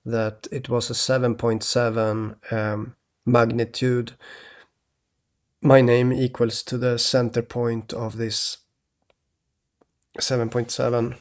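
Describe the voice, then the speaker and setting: Man, vlog monologue, halting, lots of restarts, slow drawl, gravelly fry. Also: medium pitch, little pitch movement. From Sweden. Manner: halting, many restarts, keeps adding "okay?". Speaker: vlogger. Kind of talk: rambling monologue to camera.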